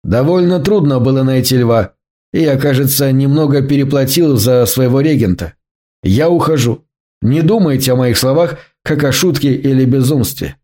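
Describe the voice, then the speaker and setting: A man voicing a calm, coldly determined male scientist in an audiobook, with a measured, lecturing delivery. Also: medium pitch, close to an everyday voice. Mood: serious. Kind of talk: audiobook reading.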